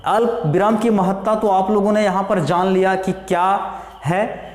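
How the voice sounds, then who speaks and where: A man teaching a grammar lesson, explaining slowly with worked examples. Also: high-pitched, fairly even intonation, darkish tone. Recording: echoey room, distant reverb.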